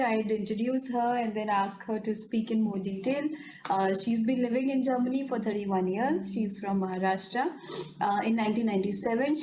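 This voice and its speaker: A woman's voice: on the high side, mellow. A woman hosting an interview, greeting formally and affirming her guest often. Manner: frequent affirming backchannels, formal polite address. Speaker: host. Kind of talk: hosted interview. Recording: echoey room with faint noise.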